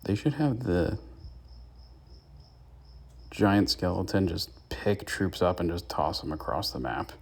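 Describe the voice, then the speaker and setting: With a low, gravelly voice that has a breathy edge, a young gaming YouTuber talks slowly but animatedly, pausing often. He gives chatty gameplay commentary and tips to the viewers of his channel.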